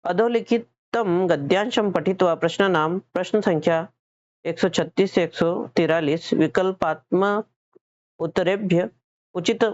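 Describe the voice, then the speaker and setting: In an exam-prep lesson, a man with a Hindi accent explains exam questions step by step in a high, unhurried voice with a darkish tone. He asks things and answers them himself, frequently repeating and correcting his words. The lo-fi recording has no room sound.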